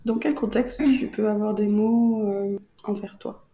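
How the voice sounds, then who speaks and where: A woman hosting a podcast, asking calm, probing questions in a reflective interview. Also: mid-range voice, unhurried, reverberant. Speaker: podcast host.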